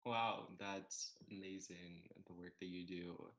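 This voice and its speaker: A man hosting an interview over a video call, speaking in a measured way. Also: low-pitched, fairly even intonation, fairly bright tone, slight background noise. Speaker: interviewer, host.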